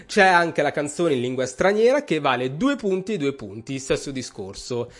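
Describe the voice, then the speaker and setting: A man co-hosting a radio studio show, joking and explaining the rules of a guessing game. His pitch swings around a lot, and it sits a little high for a man. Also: big pitch swings, moderate pace, fairly bright tone. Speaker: radio host. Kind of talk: casual radio studio chat.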